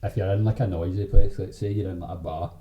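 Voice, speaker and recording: A man's voice: deep voice, fairly even intonation, quick pace, lo-fi sound. A man with a broad Scottish accent, chatting casually in slang and swearing as he shares anecdotes. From Scotland. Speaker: podcast host. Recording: roomy echo with background noise.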